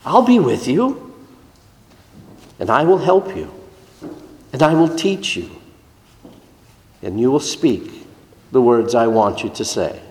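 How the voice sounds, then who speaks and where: A man's voice: medium pitch, sing-song, slow pace, long pauses, darkish tone, echoey room, big-room sound. A male preacher speaking the part of God, in an emphatic, insistent way that keeps rising. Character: commanding divine male voice of God.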